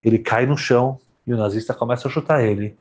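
A man telling a dramatic story as a rabbi, swinging between loud cries and hushed tones. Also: medium pitch, fast talker, dull audio.

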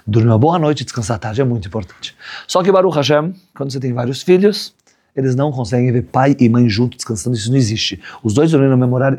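Rabbi, husky mid-range voice, chatty storyteller, keeps checking in with his listeners. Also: medium pitch, warm tone. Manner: chatty, checks in with "right?" tags. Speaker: rabbi teaching a class. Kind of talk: conversational Torah lesson with a story.

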